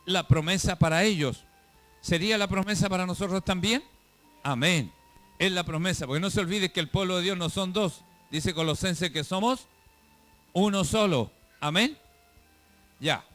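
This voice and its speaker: High-voiced man preaching with fervor. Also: moderate pace, a bit bright, faint music behind. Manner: fervent preaching, calls listeners "hermano", rhetorical questions. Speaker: pastor. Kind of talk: sermon. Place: church service, filmed for a web show.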